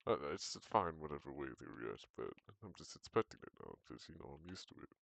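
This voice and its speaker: Teen boy with a very low, gravelly voice, loose rambling gamer chat, dry close sound. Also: big pitch swings, quick pace, a bit bright, no echo. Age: teens. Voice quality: very deep voice. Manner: rambling, hesitant, self-correcting. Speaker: gaming vlogger. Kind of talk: casual chat while gaming.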